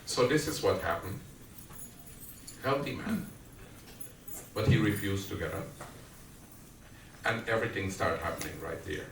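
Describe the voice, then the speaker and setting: A man's voice: low-pitched, expressive, background noise. A man from Guyana with a Guyanese accent, giving a devotional sermon at a family prayer gathering and questioning his listeners as he tells a story. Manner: slow storytelling with questions to the audience. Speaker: satsang speaker. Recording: echoey room, distant mic, faint background.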